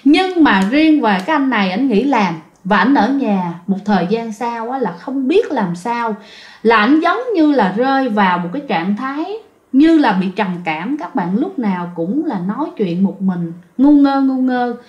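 A woman's voice: fairly high pitch, expressive, moderate pace. A woman with a Southern Vietnamese accent telling a ghost story in a chatty way, talking straight to her listeners. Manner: chatty, addresses listeners directly. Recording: roomy, slightly dull recording.

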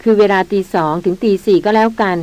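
A woman narrator voicing an easygoing young nobleman adventurer who talks in a relaxed, teasing way in an audiobook. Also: medium pitch, fast, clean tone, natural voice.

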